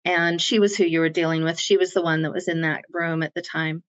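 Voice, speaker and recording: A woman's voice: lowish voice, steady tone, brisk, dull audio. A woman guest who works as a self-empowerment coach, explaining her ideas in an earnest, coaching way during an interview. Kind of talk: conversational interview.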